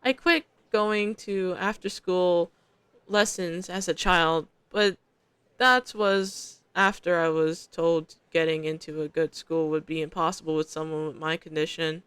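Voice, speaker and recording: A woman's voice: fairly low pitch, steady tone, measured pace, a bit bright, clean tone, no echo. Streamer: young woman, reads game text aloud, slangy asides, dry close sound. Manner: chatty, slangy asides between narration. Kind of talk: reading a visual novel aloud with casual commentary.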